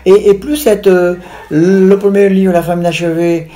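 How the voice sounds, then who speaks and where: A woman's voice: medium pitch, fairly even intonation, a little slow, dark tone. Woman, sixties, from Brazil. Author guest, rambling and list-heavy. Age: 60s. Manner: digressive, piles up lists and restarts. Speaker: author being interviewed. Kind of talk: conversational interview.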